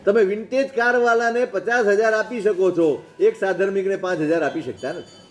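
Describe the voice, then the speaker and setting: A man's voice: high voice, brisk. A man, a monk, delivering a sermon that mixes stories with rhetorical questions. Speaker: Jain monk preacher. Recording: roomy echoing recording.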